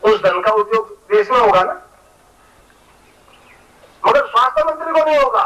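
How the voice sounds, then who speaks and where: A man's voice: high voice, expressive, normal speed, bright, forceful tone. A man giving an earnest preaching talk as a spiritual teacher, repeating key phrases. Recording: voice heard from a distance.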